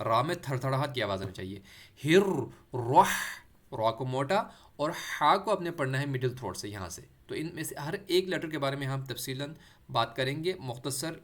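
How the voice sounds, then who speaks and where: A man teaching Quran recitation, explaining letters patiently and drawing out sounds slowly for practice. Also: medium pitch, expressive, a bit bright. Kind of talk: explanatory lesson with demonstrated pronunciation.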